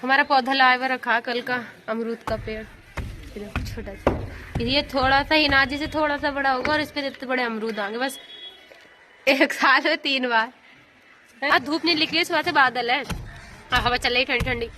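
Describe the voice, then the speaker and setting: Chatty high-voiced young woman vlogger. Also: fairly even intonation, moderate pace, pushed and bright, a little hiss or hum. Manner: chatty, giggly, addresses viewers as guys. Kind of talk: casual vlog chat outdoors. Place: outdoors in fields, rural. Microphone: phone camera.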